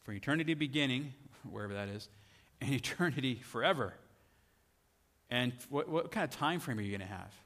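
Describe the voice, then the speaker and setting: A man's voice: mid-range voice, lively intonation, brisk, a bit bright. A man preaching a sermon in a conversational way, often asking his listeners rhetorical questions. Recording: long hall reverb.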